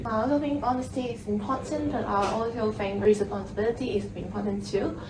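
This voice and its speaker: A woman's voice: on the high side, fairly even intonation, fairly quick. A nineteen-year-old woman, a student presenting on a panel and explaining earnestly with some fillers. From Hong Kong. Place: university auditorium. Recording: echoey auditorium, distant mic, noisy.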